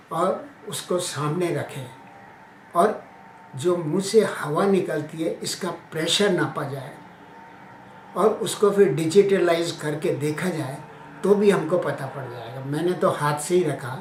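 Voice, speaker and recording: Guy teaching slow and careful, kinda high voice, echoey room w faint hum. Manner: slow, deliberate, sounding out letters aloud. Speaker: teacher explaining Hindi phonetics. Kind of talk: informal spoken lesson.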